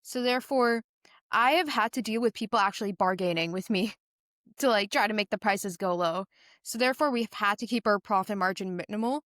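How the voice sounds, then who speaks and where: A teenage girl from Singapore, a young business founder, answers interview questions earnestly and conversationally, telling animated stories laced with lots of "like." Her mid-range, slightly bright voice is brisk, in a dry, studio-quality recording.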